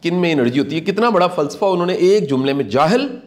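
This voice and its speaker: With a voice on the high side and lively intonation, a middle-aged motivational speaker offers reflective commentary. He sounds earnest and preacher-like, circling back to repeat his main lines.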